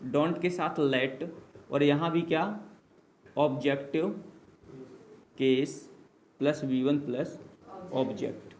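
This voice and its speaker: A language teacher speaking in an unhurried, measured way, working through a lesson. The voice sits in a middle pitch, neither high nor low. Each phrase gets a careful drill and a repeat, with quick questions posed to the class and answered right away. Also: fairly even intonation, a little mellow, a little hiss or hum. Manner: asks and answers own questions. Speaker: English teacher.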